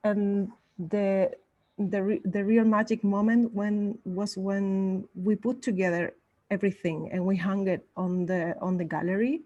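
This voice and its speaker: Woman artist from Chile, slow and halting, soft dark tone. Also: mid-range voice, fairly even intonation, highs cut off. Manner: halting, many restarts. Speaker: artist guest. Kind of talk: online panel talk.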